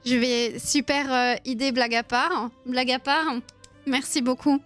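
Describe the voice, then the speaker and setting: A woman's voice: high-pitched, fairly even intonation, measured pace, fairly bright tone, soft background music. A woman in her thirties hosting a live quiz stream, chatting playfully with viewers and giggling often. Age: 30s. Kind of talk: casual live-stream chat.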